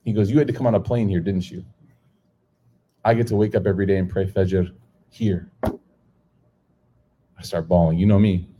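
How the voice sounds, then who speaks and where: With a low-pitched voice, moderate pace and long pauses, a middle-aged American man gives a casual sermon to a live audience, animatedly telling stories, acting out dialogue and laughing often. The highs are cut off and there's slight background noise.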